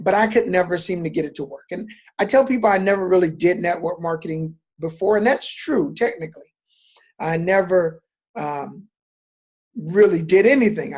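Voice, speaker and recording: Fifties male presenter, casual and rambling, animated when quoting friends, video-call sound. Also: sits high. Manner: chatty storyteller, many fillers, animated when quoting. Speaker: network marketing presenter.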